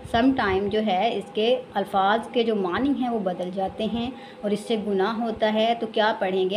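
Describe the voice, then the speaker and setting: A woman with an Urdu accent teaching Quran recitation in a lesson, explaining patiently and repeating each word slowly and drawn out. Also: medium pitch, a little mellow, slight background noise. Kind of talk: slow step-by-step recitation lesson.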